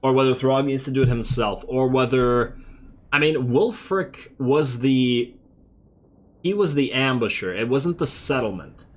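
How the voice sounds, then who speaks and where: A man's voice: medium pitch, measured pace. Casual male gamer thinking aloud. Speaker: gamer, host of a let's play series. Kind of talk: casual strategy game commentary. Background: game music.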